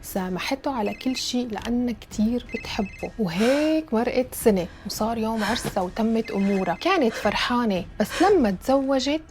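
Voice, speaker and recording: A woman storyteller, narrating a true story in a rapid, dramatic retelling. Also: on the high side, animated, a little mellow, slight background noise.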